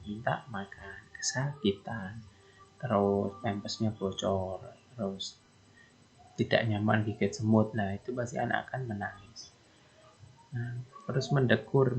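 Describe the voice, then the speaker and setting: A man's voice: fairly low pitch, gravelly, dark tone, low-quality recording. A man giving a recorded lecture to teacher trainees, who explains step by step and keeps saying "nah" between points. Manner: explains slowly, often says "nah", imitates baby babble.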